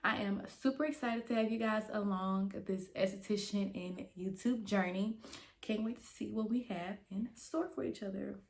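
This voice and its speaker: A woman's voice: mid-range voice, steady tone, moderate pace. A young adult woman hosting a casual, chatty vlog, rambling and emphatic, her speech slightly impeded by a dental retainer. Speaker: YouTube host and esthetician student.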